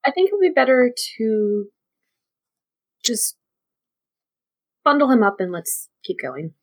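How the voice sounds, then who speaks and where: A woman's voice: on the high side, big pitch swings, unhurried, no echo. Practical party member, played by a woman, tabletop fantasy, polite, matter-of-fact, dry sound.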